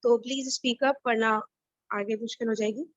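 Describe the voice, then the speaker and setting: Woman teacher, online call, high voice, gentle corrections, dull line. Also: steady tone, dry recording. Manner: corrects gently, mixes in English words. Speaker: online Arabic study group leader. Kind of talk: casual online class discussion. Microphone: video call.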